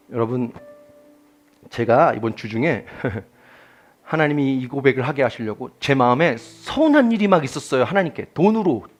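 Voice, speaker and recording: Middle-aged male pastor, lively swooping delivery, slightly high voice, shifts from hushed to loud. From South Korea. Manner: animated preaching, swinging between soft asides and loud declarations. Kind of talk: sermon.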